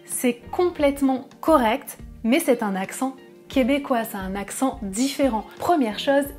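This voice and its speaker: Slow-spoken French woman teaching. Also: high-pitched, darkish tone, soft background music. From France. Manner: slow, careful, explanatory. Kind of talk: pronunciation lesson.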